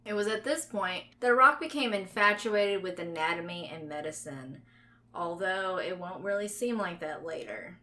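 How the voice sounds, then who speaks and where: Bright-voiced woman co-hosting a podcast. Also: mid-range voice. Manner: playful, quick to laugh and banter. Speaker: podcast co-host. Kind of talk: casual true-crime podcast chat.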